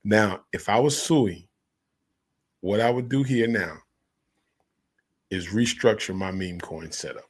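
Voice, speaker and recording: A man talking casually as a crypto host, in a hyped, slangy, emphatic crypto bro manner, with a husky, gravelly voice. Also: fairly low pitch, slow, pauses often. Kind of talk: casual solo crypto commentary.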